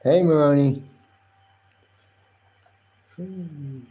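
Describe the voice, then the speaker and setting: A man's voice: on the high side, drawn-out words, muffled recording, a little hiss or hum. A man hosting a wrestling podcast live stream, rambling casually and often repeating and correcting himself.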